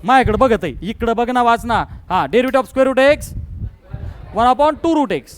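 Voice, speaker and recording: A man teaching math in a classroom, drilling students to answer out loud, scolding and joking as he mixes in English terms. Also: extremely high pitch, unhurried, clean tone, low-quality recording. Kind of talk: classroom lecture.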